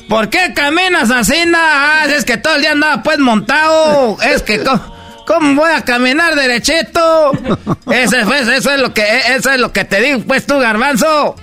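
A man voicing a loud, blunt, proud old rancher with a Mexican accent in a radio comedy sketch, talking brusquely and rambling through crude jokes. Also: extremely high pitch, normal speed, soft background music. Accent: Mexican Spanish.

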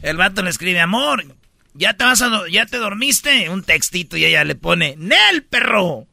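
A man hosting a comedy radio show, telling jokes with a bright, forceful voice. His pitch leaps around and sits fairly high, though he takes his time. Light music plays behind him. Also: normal speed, vocal fry, no room sound, studio quality. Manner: animated, loud, laughing storyteller.

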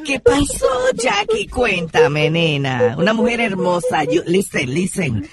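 A man's voice: sits high, huge pitch swings, takes it slowly, crowd noise, full character voice. A man voicing a flamboyant, gossipy female radio advice host with a theatrical, sing-song delivery that slips into English phrases. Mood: comforting. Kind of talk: comedic radio sketch.

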